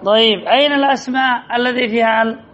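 A male teacher leading a class, asking students questions, repeating their answers and reading examples slowly and deliberately. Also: very high-pitched, fairly even intonation, fairly bright tone, a little hiss or hum. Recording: dull lo-fi recording.

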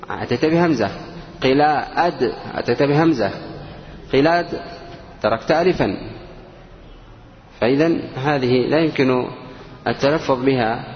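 A man teaches a grammar lesson in a classroom, saying each word slowly and repeating it before he questions his students. The recording is dull and lo-fi, with a long reverb from the room and faint noise behind him. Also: mid-range voice.

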